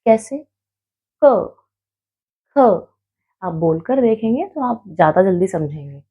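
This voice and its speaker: A woman's voice: lowish voice, animated, moderate pace, breathy edge, narrow, tinny audio. A woman teaching a Hindi grammar lesson, explaining patiently, sounding out letters one by one and checking in with her students. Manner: explains patiently, repeats letters aloud and checks in with "theek hai"; addresses students as "beta".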